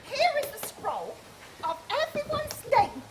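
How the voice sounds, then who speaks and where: A flustered, eager director of a village troupe, read by a woman with a very high, lively voice, often breaking into laughter. The recording is noisy and amateur. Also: unhurried, heavily acted. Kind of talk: amateur comic play reading.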